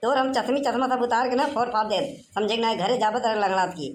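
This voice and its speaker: A woman's voice: on the high side, fairly even intonation, quick pace, roomy sound, close to an everyday voice. A woman voicing a drunk, boastful male local goon in a cartoon, with an Awadhi accent and a slurred, rambling, bossy way of talking. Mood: drunken bluster. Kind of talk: cartoon voice acting.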